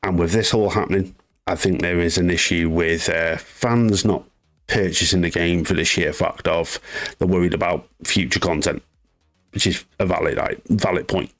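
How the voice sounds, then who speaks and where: A man's voice: sits low, steady tone, normal speed, a bit bright. A man hosting a live gaming news stream, chatting casually, rambling off on asides and answering viewers in chat. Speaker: gaming news livestream host.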